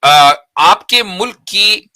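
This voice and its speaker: Guy hosting a religious debate, really bright forceful voice on the higher side, argues and pokes with questions. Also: lively intonation, drawn-out words. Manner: argumentative, probing, repeats points.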